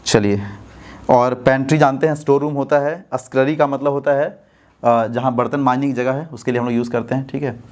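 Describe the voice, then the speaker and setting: A man's voice: medium pitch, fairly even intonation, fairly quick, darkish tone. Indian man teaching exam English. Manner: explains step by step, asks students rhetorical checks. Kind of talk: exam-prep lesson explaining answers.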